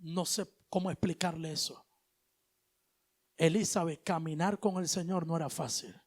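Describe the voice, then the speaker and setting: A male preacher giving an animated sermon, moving between loud exhortation and hushed asides, with casual slang. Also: fairly high pitch, normal speed. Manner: colloquial, uses street slang.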